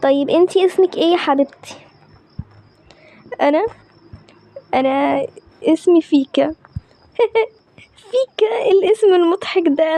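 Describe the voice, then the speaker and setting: A woman with an Egyptian accent telling a story in lively, conversational character voices. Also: very high-pitched, no room sound. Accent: Egyptian Arabic.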